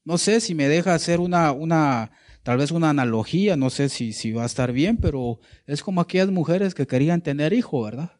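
A man's voice: a little high, lively intonation, a little fast, darkish tone. Man preaching, full of questions. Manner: asks the congregation rhetorical questions, repeats "¿verdad?"; searches for words mid-sentence. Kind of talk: sermon.

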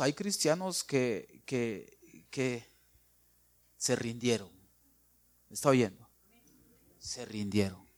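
A man preaching a sermon, emphatic, repeating phrases and asking the congregation "right?". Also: mid-range voice. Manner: acts out quoted voices with sharp swings in loudness.

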